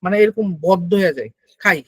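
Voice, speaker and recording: A man's voice: sits high, a little fast, no room sound, poor audio. A young man giving an exam-prep lecture, explaining step by step and often checking that listeners follow. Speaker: teacher.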